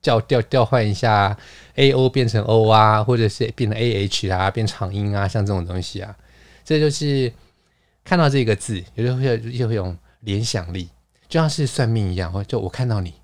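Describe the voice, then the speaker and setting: Man, podcast host, low voice, playful and chatty, dry close sound. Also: normal speed, no room sound. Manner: playful, explains words at length, laughs often. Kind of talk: casual chat.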